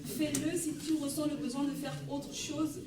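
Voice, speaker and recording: A woman acts out a touchy young churchwoman who feels nobody sees her sweeping, with a high voice and a hesitant, plaintive delivery. Heard from a distance in a very echoey church hall, with music in the background. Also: level tone, moderate pace, background noise, natural voice. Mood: worried. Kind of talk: amateur church sketch.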